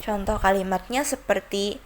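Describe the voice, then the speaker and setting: A young woman talks through a grammar lesson in a steady reading voice. Her pitch sits in a middle range, and small hesitations break up the flow now and then. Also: moderate pace, slight background noise. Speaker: student presenter.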